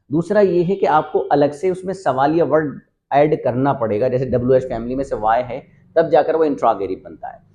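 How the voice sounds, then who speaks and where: A man teaching an English lesson, patiently explaining and repeating examples slowly. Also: fairly high pitch, warm tone, highs cut off.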